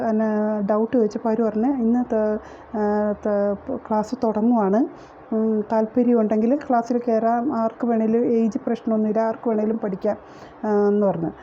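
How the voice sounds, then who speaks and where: A woman's voice: a little high, dark tone. A middle-aged woman who works as a teacher, recounting her experience in a rambling way with many fillers and restarts. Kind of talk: casual personal testimony. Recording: dull lo-fi recording with faint noise.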